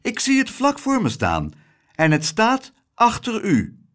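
A man voicing a calm, knowing lady customer with a high, teasing delivery. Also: a little slow, exaggerated voice.

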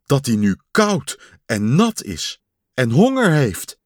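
Fretful storybook toad, loud worried cries, dry close sound, a man reading it. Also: medium pitch, huge pitch swings, slow pace, no echo, exaggerated voice. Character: anxious caring male toad.

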